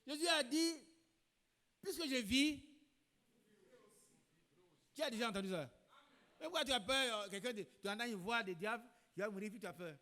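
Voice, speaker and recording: A man's voice: high-pitched, fast, sharp tone. A man preaching a sermon in a church, emphatic and repeating his key phrases. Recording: long reverb in a church hall.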